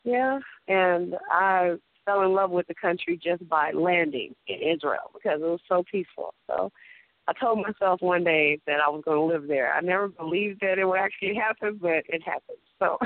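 A woman's voice: on the low side, normal speed, no room sound. A young woman, a guest speaking earnestly and devoutly over the phone, often searching for words. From Fort Worth, Texas. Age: young adult. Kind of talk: phone interview. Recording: tinny phone line.

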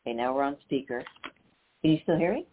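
A man's voice: medium pitch, animated, quick pace. A man hosting a live radio show on speakerphone, sounding flustered while he works through the connection. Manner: flustered, troubleshooting the line. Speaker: radio show host calling in. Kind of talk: casual live radio chat. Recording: tinny phone line with hiss.

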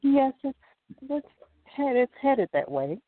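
A woman calling in to a show over a phone line, polite and hesitant, with many pauses and fillers. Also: sits high, sing-song, dry recording. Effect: caller heard over a phone line on a call-in show. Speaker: caller to a call-in show.

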